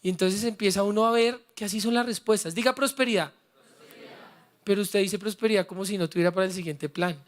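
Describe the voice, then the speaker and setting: A man's voice: high-pitched, fast, few pauses. A man preaching a sermon as pastor, urging the congregation to repeat after him and sharing his own story with feeling. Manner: fervent, prompts the congregation to repeat words; personal and heartfelt storytelling.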